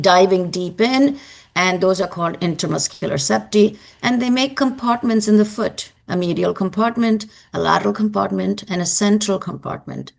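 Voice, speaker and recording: A woman lecturing on anatomy in a brisk, emphatic way, often quizzing the class. Her voice has a gravelly, fry-touched edge at a middling pitch.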